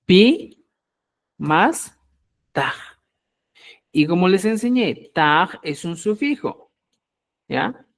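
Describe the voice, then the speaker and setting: A man teaching a live online language class, explaining slowly and patiently and checking often that his students follow. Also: sits high, animated, gravelly.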